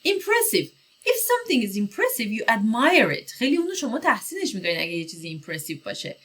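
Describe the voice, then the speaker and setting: Give me a woman with a Persian accent teaching vocabulary, her voice lively and rising and falling. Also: a little high, breathy edge. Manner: explains each word, then reads English phrases slowly. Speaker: English teacher. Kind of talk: vocabulary lesson.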